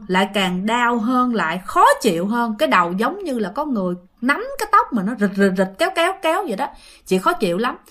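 A woman's voice: a little high, fairly bright tone. A woman with a Southern Vietnamese accent narrating a ghost story in a chatty way, often speaking directly to her listeners.

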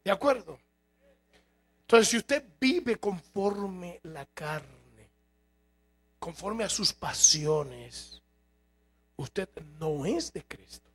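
A man's voice: high voice, expressive, extremely slow, long pauses, breathy edge. A man preaching a sermon to his congregation, emphatic and full of rhetorical questions. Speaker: pastor. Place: church.

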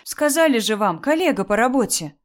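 Woman doing a firm young mother, stern and steady; storybook read-aloud. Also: medium pitch, normal speed, close to an everyday voice. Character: firm young mother standing her ground.

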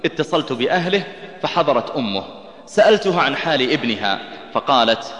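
A man preaches an emotional sermon, telling stories with mounting passion and chanting scripture in melodic recitation. His brisk, very animated, slightly bright voice climbs high and tense at dramatic peaks, ringing through an echoey hall with long reverb.

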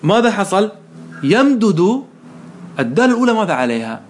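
A male teacher talks fast in a fairly high voice as he walks a student through grammar rules. He keeps firing short questions and praising correct answers. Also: sing-song, slight background noise. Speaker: teacher of Arabic morphology. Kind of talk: one-on-one lesson, question and answer.

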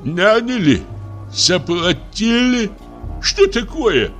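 A man's voice: high voice, sing-song, takes it slowly, a bit bright, faint music behind, pitched above the performer's own voice, heavily acted. A man voicing an old, hard-of-hearing retired naval captain who mishears and blusters. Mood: indignant. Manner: mishears, then blusters indignantly.

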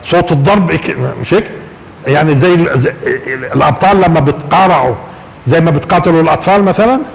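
A man's voice: fairly high pitch, fast talker, gravelly. A man gives a religious lecture to a live audience, asking rhetorical questions and often chuckling. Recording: reverberant hall with faint noise.

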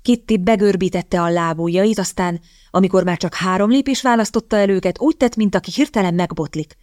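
A woman reading an audiobook aloud in scripted, even and measured storytelling. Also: medium pitch, no room sound, studio quality. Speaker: audiobook narrator. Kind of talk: scripted narration.

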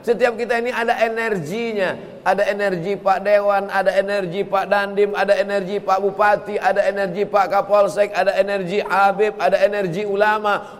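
A man preaching a sermon, lively and breaking into chanted prayers now and then. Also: sits high. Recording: long hall reverb.

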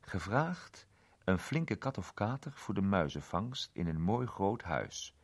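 A man narrating a short story in an expressive, animated reading. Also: deep voice, takes it slowly, husky.

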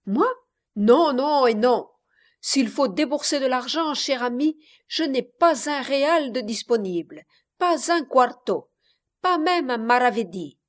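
A woman putting on a shrill old miser. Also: animated, unhurried. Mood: protesting. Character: miserly old man, whining and suspicious.

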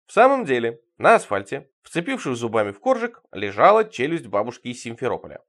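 A man reading an absurdist story aloud with wry, deadpan timing. His voice sits at a typical male pitch, but the intonation rises and falls a lot from phrase to phrase. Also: brisk. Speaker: reader. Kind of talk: dramatic audiobook reading.

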